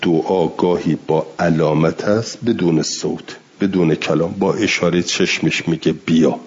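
A man teaching a religious lesson on Quran commentary, reading Arabic passages slowly and explaining each in plain speech. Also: low voice, darkish tone, slightly rough, highs cut off.

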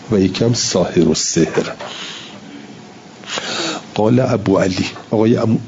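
A man's voice: low voice, mellow, muffled recording, a little hiss or hum. A man lecturing a class on Quran recitation, reading Arabic lines and explaining them in casual Persian, sounding out examples and repeating himself.

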